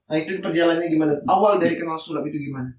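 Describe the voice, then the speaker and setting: A man's voice: on the high side, very fast. A man, co-hosting a podcast in a playful, teasing manner. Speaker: podcast co-host. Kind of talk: casual podcast chat. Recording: roomy, distant mic, faint hiss.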